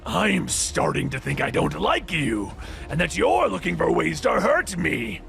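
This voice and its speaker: Shrieking unhinged cyborg. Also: male voice, huge pitch swings, moderate pace, creaky, soft background music, heavily acted. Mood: accusing. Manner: shrill shouting, mood swings from needy to murderous. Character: manic unhinged male cyborg Spider-Man, violent.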